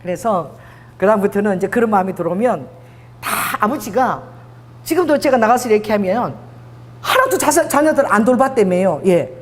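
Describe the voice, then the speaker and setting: A woman's voice: medium pitch, fairly quick. Woman pastor w/ busan accent, preaching in a church hall, big swooping voice, long reverb. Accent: Busan dialect. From Busan, South Korea. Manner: animated storytelling, acts out dialogue, laughs often. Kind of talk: sermon. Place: church sanctuary.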